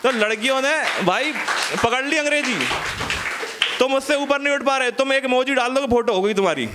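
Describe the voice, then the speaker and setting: A man's voice: very high voice, fairly quick, a loud crowd, very noisy. A male stand-up comedian telling school and marriage stories in a chatty way, bantering with the audience from a small studio stage.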